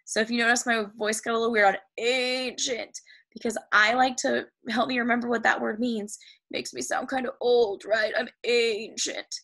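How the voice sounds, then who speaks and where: American woman teacher, fairly high voice, gravelly edge, enthusiastic reading lesson for kids. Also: little pitch movement, pushed and bright. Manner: enthusiastic, reads text aloud slowly then explains. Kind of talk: recorded reading lesson for children.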